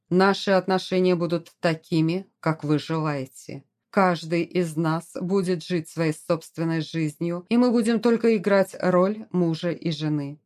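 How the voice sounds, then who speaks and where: A woman voicing a proud young lord, low and restrained. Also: mellow. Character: proud young English lord, passionate husband.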